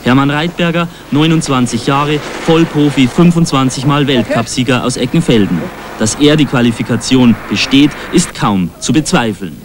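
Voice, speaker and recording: A man reading the scripted voice-over of a TV sports report in a measured, informative way. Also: medium pitch, noisy background. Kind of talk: scripted narration. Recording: voice-over with music bed.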